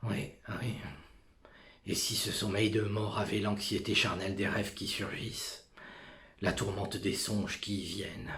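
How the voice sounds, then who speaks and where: A man performing an anguished, brooding tragic figure in a theatrical monologue, halting and fragmented, moving between whispers and outbursts. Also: lowish voice, flat delivery, a bit bright, roomy sound. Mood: brooding, hushed.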